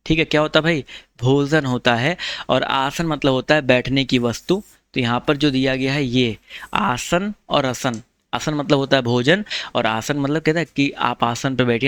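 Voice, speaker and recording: A man's voice: medium pitch, a bit bright, smooth, dry recording. A male teacher going through a Hindi exam test, explaining each answer step by step and checking with students as he goes. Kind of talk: online test walkthrough lesson.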